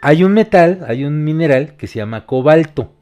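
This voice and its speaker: A man's voice: fairly high pitch, animated, moderate pace, mellow, faint music behind. Mexican man explaining folklore casually. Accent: Mexican Spanish. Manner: explanatory, loose, mild swearing. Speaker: co-host. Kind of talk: casual podcast chat.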